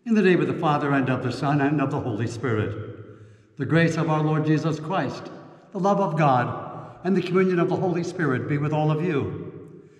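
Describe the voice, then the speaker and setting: A priest with a fairly high voice reads prayers and scripture at a slow, solemn, measured pace. His voice rings through a big church with a long, hanging reverb. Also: animated. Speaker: priest celebrating Mass. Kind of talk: liturgical prayer and scripture reading. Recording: echoey church, reverberant and roomy.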